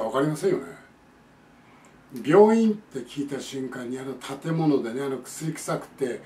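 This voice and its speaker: A man giving a spoken pronunciation lesson, explaining patiently and repeating example words slowly. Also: on the high side, mellow. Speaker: English conversation teacher. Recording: echoey room, distant mic, faint noise.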